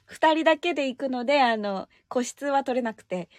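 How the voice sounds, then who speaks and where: A woman hosting a radio show in casual chat with a co-host, speaking in a polite, animated way. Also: sits high, normal speed, no echo, studio quality. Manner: animated, polite, often laughing. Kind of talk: casual chat between co-hosts.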